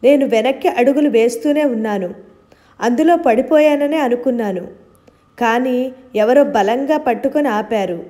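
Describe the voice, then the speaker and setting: A frightened young wife, played by a woman narrator in an audiobook novel, her speech breathless and shaken. The voice sits somewhat high. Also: moderate pace, mellow, close to an everyday voice.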